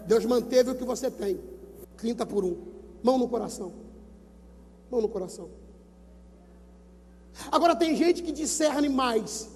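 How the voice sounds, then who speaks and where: Pastor with a Brazilian accent, very high-pitched, preaching emphatically into a handheld mic in a gymnasium with long reverb. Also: male voice, a little hiss or hum. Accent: Brazilian Portuguese. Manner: emphatic preaching, repeats numbers, urges listeners to shout. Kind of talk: sermon at a youth event. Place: large gymnasium. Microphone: handheld microphone.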